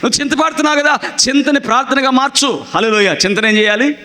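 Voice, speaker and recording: A man's voice: very high voice, quick pace, bright, forceful tone, long reverb tail. A man preaching a sermon as pastor, emphatic and repetitive, calling on the congregation to clap. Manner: emphatic, repetitive, calls for clapping.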